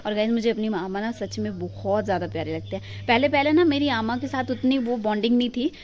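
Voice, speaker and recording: A young woman from Himachal Pradesh chatting warmly to her viewers in a casual home vlog, recorded on a phone indoors. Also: on the high side, fast, rough recording. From Himachal Pradesh, India. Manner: chatty and affectionate, talking to the viewers while doing chores. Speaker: vlogger.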